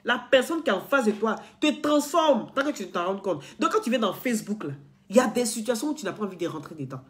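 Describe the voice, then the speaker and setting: A woman's voice: fairly high pitch, lively intonation, fast. A woman blogger talking straight to her followers in an earnest, lecturing way, repeating herself and restarting often. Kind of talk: casual direct-to-camera talk.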